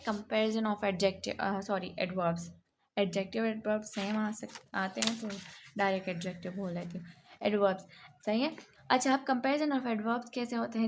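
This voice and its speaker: Gravelly-voiced woman teaching grammar. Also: fairly high pitch, slight background noise. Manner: patient, repeats "sahi hai", corrects herself often. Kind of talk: explaining grammar to beginners.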